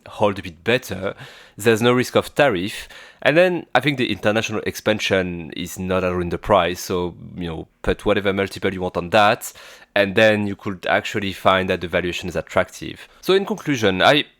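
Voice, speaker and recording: A man's voice: on the low side, brisk, fairly bright tone, no room sound, clean studio sound. A man with a French accent hosting a solo finance podcast, talking with many fillers and restarts. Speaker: podcast host. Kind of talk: solo stock-analysis podcast. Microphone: new podcast mic.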